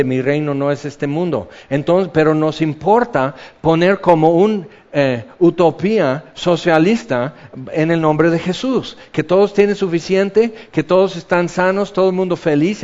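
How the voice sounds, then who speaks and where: A man's voice: on the high side, unhurried, darkish tone, highs cut off. A man preaching a sermon in a conversational way, often acting out the people he quotes. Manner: conversational, acts out quoted voices.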